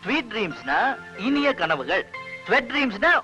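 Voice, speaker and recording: A man's voice: high voice, very animated, normal speed, bright, forceful tone, faint music behind, full character voice. A young actor playing an earnest army-captain son who pleads with his father.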